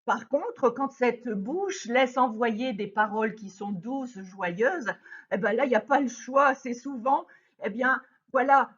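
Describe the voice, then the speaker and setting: A woman teaching young children about kind words, gently and with lively exclamations and many hesitations. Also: fairly high pitch. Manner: gentle, animated, frequent hesitation fillers. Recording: dull lo-fi sound.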